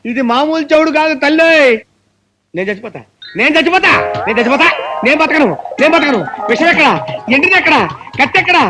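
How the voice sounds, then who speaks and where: An actor playing a superstitious priest in a comic film scene, given to melodramatic wailing and despair. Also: male voice, very high-pitched, lively intonation, fast talker, pauses often. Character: superstitious middle-aged male priest, easily panicked.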